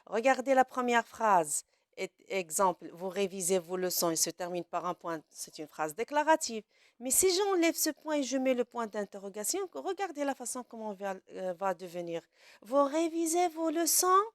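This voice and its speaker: A woman's voice: mid-range voice, big pitch swings, moderate pace, no echo, clean studio sound. A woman teaching a grammar lesson to her pupils, asking questions and then answering them herself.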